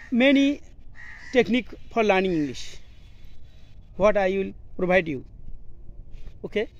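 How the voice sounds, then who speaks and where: Outdoors at an open, scenic spot, a male English teacher and video host from Bangladesh addresses the camera in an instructional vlog. A native Bengali speaker with a Bangladeshi accent, he uses short, broken, simple learner's English in a very high, fairly bright voice, and the lo-fi audio picks up outdoor noise and faint birds calling.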